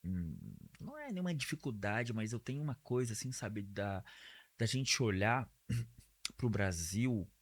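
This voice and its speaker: Husky man, podcast host, casual and chatty, slangy. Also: lowish voice, sing-song, a little slow. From Brazil (São Paulo). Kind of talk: casual conversational interview.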